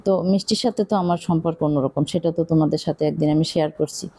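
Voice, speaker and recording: বরিশালের টানে মাঝবয়সী মহিলা, রান্নার ভিডিওতে খোশগল্প, অনেক আ উম, ঘরোয়া আলাপ. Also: female voice, low voice, steady tone, quick pace, dark tone, slightly rough. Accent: Barishal Bengali. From Bangladesh. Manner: chatty, rambling, confiding, many fillers. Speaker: cooking vlogger. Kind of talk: casual chat while cooking.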